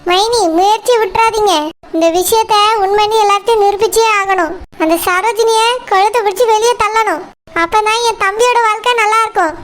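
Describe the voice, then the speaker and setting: A woman's voice: very high-pitched, steady tone, fairly quick, a little hiss or hum. A woman voicing a loyal, determined young sister-in-law in a cartoon, urging and coaxing.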